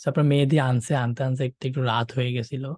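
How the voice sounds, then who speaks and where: A man's voice: medium pitch, fast talker, no room sound, studio quality. Joking male teacher. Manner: joking, animated, keeps checking with listeners. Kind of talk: online exam-prep lesson.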